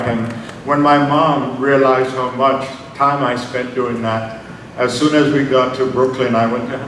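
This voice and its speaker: A man, giving an unhurried, personal academic lecture with slides and frequent ums. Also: medium pitch. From Jamaica. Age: 70s. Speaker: invited lecturer. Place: large conference hall. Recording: very echoey hall, distant mic, noisy.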